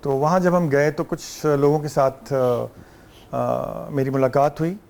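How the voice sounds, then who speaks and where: Slightly high, gravelly and a little mellow, the man's voice carries a Pakistani Urdu accent. He's a guest actor on a talk show, casually telling stories and slipping in English and Arabic phrases.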